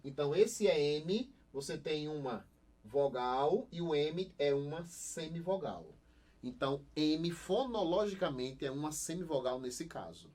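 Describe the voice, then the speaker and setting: A young Brazilian man with a lively, slightly high voice gives a recorded online class, asking the students questions and answering them himself. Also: measured pace. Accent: Brazilian Portuguese. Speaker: Portuguese teacher.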